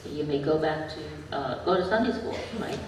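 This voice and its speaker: A woman pastor giving a gentle children's message, asking the children simple questions. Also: low voice, normal speed. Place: large church sanctuary. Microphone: far camera. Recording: echoey church from far off, background noise.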